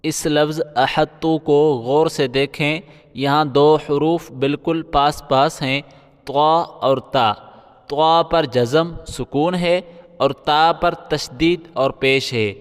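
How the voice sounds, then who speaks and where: A man teaching Quran reading with tajweed, spelling out syllables and chanting words slowly, then explaining the rules quickly. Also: on the high side, steady tone, smooth, long reverb tail.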